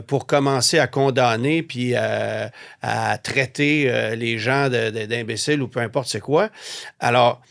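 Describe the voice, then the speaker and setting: A man with a Québécois French accent hosting an interview, asking probing questions in a relaxed way. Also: medium pitch. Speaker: interviewer host. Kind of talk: interview talk.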